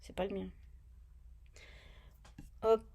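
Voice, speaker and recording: A woman's voice: very slow, dark tone. A woman chatting casually on her knitting vlog, rambling, muttering to herself as she looks for things and grumbling about a badly written pattern. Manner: grumbling, annoyed. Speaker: knitting vlogger.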